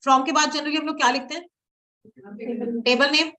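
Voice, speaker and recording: A woman's voice: sits high, fairly even intonation, normal speed, pushed and bright, rough recording. A woman teaching SQL in a screen-recorded lesson, mixing Hindi and English and quizzing her students as she types queries. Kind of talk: live coding lesson.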